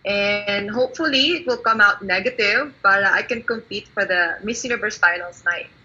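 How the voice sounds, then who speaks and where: A woman's voice: medium pitch, moderate pace, bright, forceful tone, husky, muffled recording. A woman with a Filipino accent, a pageant candidate talking in a giggly way and mixing Tagalog into English.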